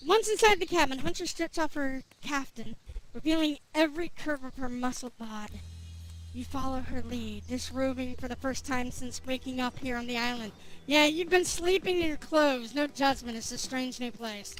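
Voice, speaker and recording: A woman streamer reading a dating game aloud, jokey and excitable, bursting into shouts. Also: high-pitched, normal speed.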